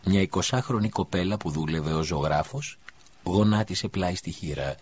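Calm guy reading an audiobook, kinda husky, muffled lo-fi sound. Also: sits low. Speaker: narrator. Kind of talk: audiobook narration. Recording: dull lo-fi recording.

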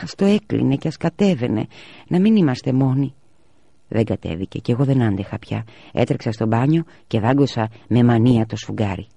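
A man reading a children's story aloud in a measured way. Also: on the low side, creaky, warm tone, no echo.

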